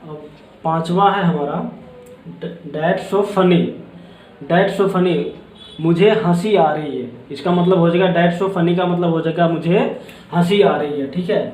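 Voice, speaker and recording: A man teaching a spoken grammar lesson, explaining slowly and checking in with "ठीक है" after each point. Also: on the high side, steady tone, darkish tone, a little hiss or hum. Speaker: English teacher. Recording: echoey room.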